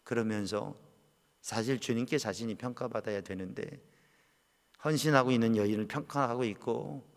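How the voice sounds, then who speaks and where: Male pastor, mid-pitched, impassioned preacher, long church reverb. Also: moderate pace. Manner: impassioned preaching, swinging between loud cries and quiet low asides. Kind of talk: sermon. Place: church sanctuary.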